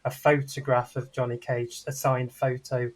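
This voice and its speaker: Rambling through a casual film review chat, a man co-hosting a podcast sounds enthusiastic, though his delivery is flat. He speaks at medium pitch and normal speed, with crowd noise in the background.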